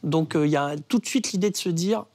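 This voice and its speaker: A man discussing cinema history in a casual studio chat. His voice sits a little high, and he stops and restarts often, filling gaps with hesitations. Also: fast talker, a little mellow. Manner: hesitant, many fillers and restarts. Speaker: film history panelist.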